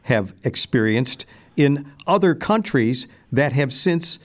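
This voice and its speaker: A man hosting a radio interview, speaking in a measured, halting way with many pauses and restarts. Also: mid-range voice, lively intonation. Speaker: radio host.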